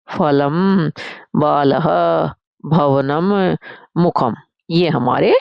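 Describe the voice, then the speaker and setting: Woman teacher, lively pitch, patient classroom drill, dull lo-fi dry recording. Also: gravelly, no echo. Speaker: Sanskrit teacher. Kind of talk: teaching a grammar lesson.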